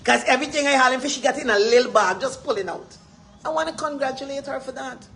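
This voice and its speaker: A woman's voice: high voice, fast talker, a bit bright, a little hiss or hum. A woman with a Guyanese accent gives an impassioned, rambling live address as a community advocate, repeating her points with emphasis.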